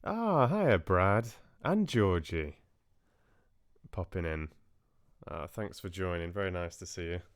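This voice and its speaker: Low-pitched and lively in intonation, the man talks at a slow pace while hosting a livestream. He chats with viewers in a warm, hesitant manner with trailing asides, and the recording is dry and studio quality.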